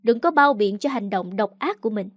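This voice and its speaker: A woman's voice: medium pitch, lively intonation, a little fast, no echo, studio quality, lightly acted. A woman reading aloud the lines of a cold, contemptuous young man in a storybook narration. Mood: scornful. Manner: contemptuous, cutting.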